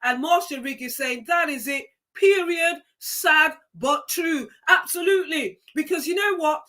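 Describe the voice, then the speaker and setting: Female live-stream host, Jamaican accent, high and bright voice, preachy and emphatic, repeats her points. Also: a little slow. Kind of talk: motivational live-stream talk.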